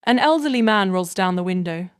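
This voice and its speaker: A woman reading a scripted first-person story in a measured, even way. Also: medium pitch, smooth, no echo, clean studio sound.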